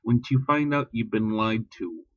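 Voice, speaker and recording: A man's voice: fairly low pitch, normal speed, a bit bright, no room sound, highs cut off. A man ranting bluntly and profanely in a casual vlog, talking about religion with heat. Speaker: vlogger. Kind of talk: casual spoken rant.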